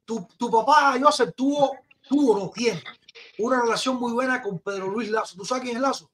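A man hosting a casual interview, reacting excitably. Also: extremely high pitch, normal speed, slight background noise. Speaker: host.

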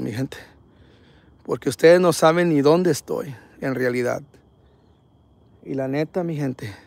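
Man, gravelly fairly high voice, dry close sound, excitable slangy live ghost-hunt host. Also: dry recording. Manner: excitable, slangy, reads viewer comments aloud. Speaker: paranormal livestream host. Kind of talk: live ghost-hunting stream. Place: outdoors at night by a tree.

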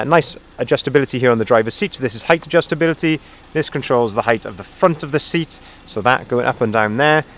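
A man with a middle-range voice walks around a van outdoors, pointing out its features in an easygoing sales patter full of "uh" and "um". He holds the camera himself, and his voice sits in a light wash of outdoor noise from the forecourt. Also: mid-range voice. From Wales. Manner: relaxed, salesy patter with many fillers. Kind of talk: walk-around vehicle tour. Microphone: camera held by the speaker, filming by hand.

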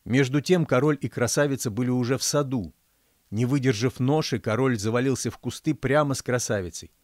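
A male author reads his own fairy-tale novella in a measured, even storytelling voice. His voice sits at a middle pitch. The recording is dry and close, with no room echo. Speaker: author reading his audiobook. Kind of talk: audiobook narration.

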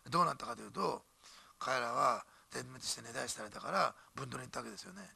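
A man preaching a sermon in church as pastor, animated and emphatic, with jokes and asides. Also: medium pitch, fast talker, gravelly, husky, no room sound.

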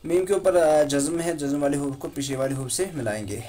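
A man's voice: a little high, fairly quick, warm tone. A man teaching Quran recitation with tajweed, patiently spelling out letters and vowel marks syllable by syllable. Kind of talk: slow spelled-out recitation lesson.

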